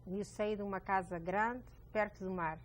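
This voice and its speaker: Older woman guest from Portugal, reflective and hesitant, mid-pitched voice, faint noise. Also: steady tone, normal speed. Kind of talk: casual chat.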